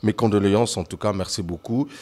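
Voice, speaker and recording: A man's voice: lowish voice, brisk, dark tone. A man hosting a TV interview, formal and full of hesitant fillers, often addressing the audience. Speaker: TV host. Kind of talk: studio interview.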